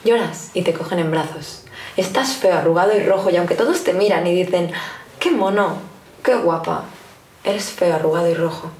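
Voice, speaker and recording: A woman's voice: lowish voice, darkish tone. A woman slam poet performing spoken word poetry with rhythmic, emphatic delivery in a library. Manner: rhythmic, emphatic recitation with sudden quickenings. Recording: roomy, distant live recording with faint noise.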